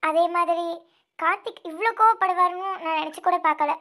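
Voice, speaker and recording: A woman's voice: very high voice, sharp tone, heavily acted. Woman voicing a tearful young snake-woman. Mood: troubled. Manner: tearful, pleading, halting repeats. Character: grieving young snake-woman, protective elder sister. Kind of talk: amateur audio drama.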